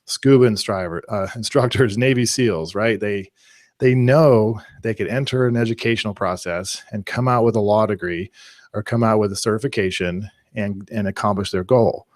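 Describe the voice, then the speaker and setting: Guy running a live marketing webinar, lowish voice, dry close sound, chatty and upbeat. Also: normal speed, no room sound. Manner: energetic, conversational, uses analogies. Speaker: webinar presenter. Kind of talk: teaching a live online class.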